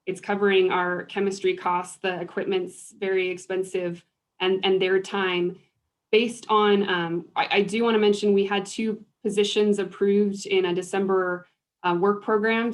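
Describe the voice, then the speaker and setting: A woman presenting a program update to a board over a video call, measured and pausing often with ums. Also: medium pitch. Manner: measured, with frequent ums and restarts. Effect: heard over a video call. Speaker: state agriculture program staff. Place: remote, joining a video conference.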